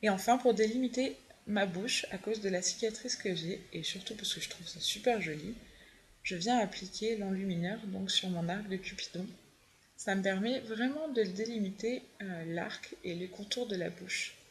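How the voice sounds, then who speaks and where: A woman's voice: mid-range voice, moderate pace, slight background noise. A young woman, a beauty vlogger, walking through her makeup steps in a chatty, upbeat tutorial. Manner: chatty, fond of her favorite products.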